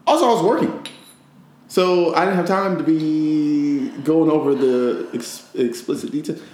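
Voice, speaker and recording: A man's voice: a little high, measured pace, darkish tone, a little hiss or hum. A man from Georgia with a Southern accent, teasing and arguing in casual banter with his partner. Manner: teasing, argumentative, laughs often. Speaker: comedian, podcast co-host. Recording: echoey room.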